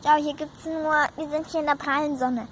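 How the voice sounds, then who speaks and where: A woman's voice: high-pitched, steady tone, normal speed, slight background noise, pitched above the performer's own voice, natural voice. A woman voicing a patient horse who coaxes and reassures a companion. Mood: coaxing. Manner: coaxing, reassuring.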